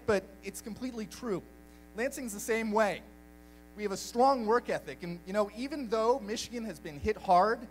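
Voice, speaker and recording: A young man born in Belgium gives a lively, joking talk to a live audience, speaking to the crowd directly. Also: sits high, rough recording.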